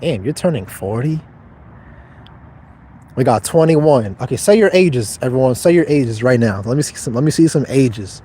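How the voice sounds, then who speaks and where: A man's voice: mid-range voice, lively intonation, moderate pace, mellow, slightly rough. A man in his twenties livestreaming, reading chat questions aloud and answering them in a blunt, profane, detached way. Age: 20s.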